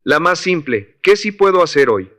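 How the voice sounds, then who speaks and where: Fields: Figure: a man reading as a calm old construction worker. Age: 60s. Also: a little high, pitched above the performer's own voice. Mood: calm advice. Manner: calm, instructive, measured. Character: older Salvadoran construction worker, man of few words.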